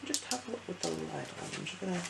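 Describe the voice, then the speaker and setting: In an ASMR eye exam roleplay, a soft-spoken optician gives gentle instructions broken by hesitant pauses. The medium-pitched voice is animated and gravelly, and the recording is very noisy.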